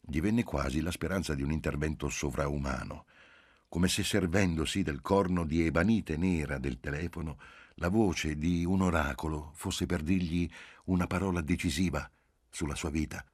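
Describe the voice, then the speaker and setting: A man narrating a novel aloud in a measured, literary reading. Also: a bass voice, breathy edge, no echo, clean studio sound. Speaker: audiobook narrator. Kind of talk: scripted narration.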